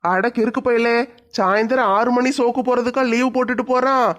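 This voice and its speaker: A man's voice: very high-pitched, fairly even intonation, fairly quick, fairly bright tone. A man playing a blunt male coworker who chides and teases. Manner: chiding, teasing.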